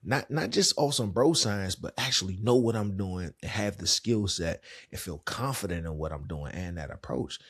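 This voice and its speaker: Deep husky man with a DC accent. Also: lively intonation, moderate pace, hardly any pauses, fairly bright tone. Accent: Washington DC. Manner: candid, conversational, colloquial. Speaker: podcast host and licensed therapist. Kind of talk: casual monologue.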